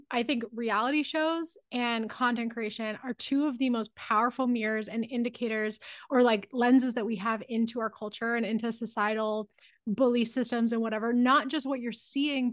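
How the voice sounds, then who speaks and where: A woman's voice: on the high side, steady tone, moderate pace, no room sound, clean studio sound. A woman hosting a podcast, asking rambling, enthusiastic questions and going off on tangents in casual conversation. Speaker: podcast host.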